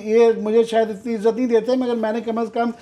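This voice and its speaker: A man's voice: very high voice, little pitch movement, a little fast, warm tone. A man, speaking in a direct, conversational way as a guest on a talk show.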